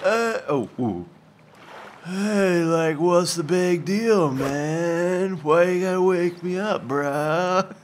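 Guy doing a lazy slangy surfer dude, kinda high and drawly, game video bit. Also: very slow, a little hiss or hum. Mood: lazy annoyed. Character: laid-back young male surfer dude.

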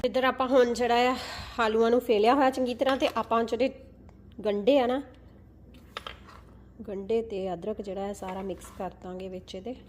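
Young mother, high voice. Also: fairly even intonation, a little fast. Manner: playful, coaxing tone toward a small child. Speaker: mother cooking on a family channel. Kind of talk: casual cooking vlog talk with a toddler. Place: home kitchen. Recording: noisy home kitchen recording.

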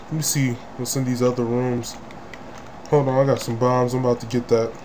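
A man hosting a let's play, talking crudely and profanely as he plays, breaking into sudden loud outbursts. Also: mid-range voice, little pitch movement, a little fast, a little hiss or hum. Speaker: gaming channel host.

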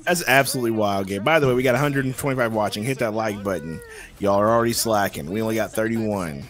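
A man's voice: lowish voice, fast talker, a bit bright. Laid-back man on a live stream. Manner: laid-back, dry pushback. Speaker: podcast co-host. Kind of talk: casual live game-reaction stream.

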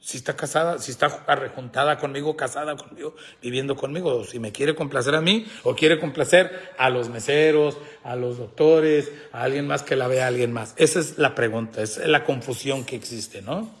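A man's voice: medium pitch, a little fast, few pauses. A middle-aged man hosting a casual live chat, joking, laughing often and reading viewers' comments aloud. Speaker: host.

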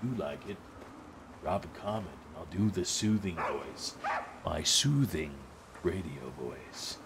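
Man doing a hushed late-night radio voice. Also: sits low, expressive, noisy background, voice pushed down. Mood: soothing. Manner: hushed, slow bedtime-story delivery. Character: soothing late-night radio host, adult man, calm.

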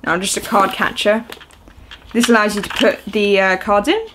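Seated on a sofa in a small room at home, a young woman hosts a video, chatting casually to the camera at a moderate pace in an ordinary mid-range voice. She rambles through an unboxing, full of ums and uhs, over a faint hiss in the recording.

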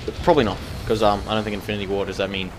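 A man's voice: fairly low pitch, flat delivery, racing, music in the background. A young man giving casual, rambling commentary over his own gameplay, full of fillers. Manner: rambling, filler-heavy, chatty.

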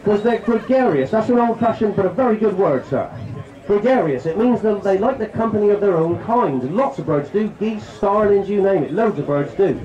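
A man's voice: sits high, fairly quick, few pauses, warm tone, reverberant, highs cut off. A man giving a jokey, chatty shooting demonstration to a crowd at an outdoor country show. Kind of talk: outdoor live demonstration talk.

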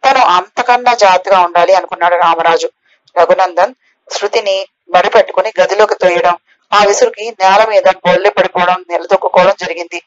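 A woman's voice: fairly low pitch, steady tone, brisk. A woman reading a novel aloud as an audiobook narrator, lifting her voice a little for the characters' lines. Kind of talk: scripted narration of a novel, voicing all characters. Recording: slightly dull, lo-fi recording.

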